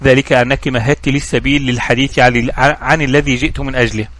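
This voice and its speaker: A man's voice: medium pitch, fairly even intonation, fast, fairly bright tone, natural voice. A man reading as a shrewd young investigator. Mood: calm.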